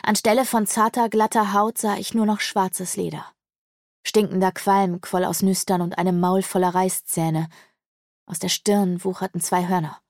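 A woman narrating a fantasy novel in the first person with steady, measured storytelling. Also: mid-range voice, no room sound, clean studio sound. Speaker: audiobook narrator.

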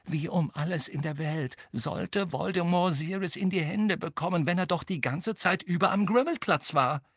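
A man voicing an anxious, clever teenage schoolgirl who pleads and argues in a high, fretful voice. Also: normal speed, a bit bright, no room sound, studio quality. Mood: worried.

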